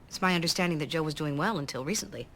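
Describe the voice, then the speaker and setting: A blunt, wry older social worker. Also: female voice, low-pitched, rapid-fire, a bit bright, a little hiss or hum. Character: brisk, dry-witted older woman social worker.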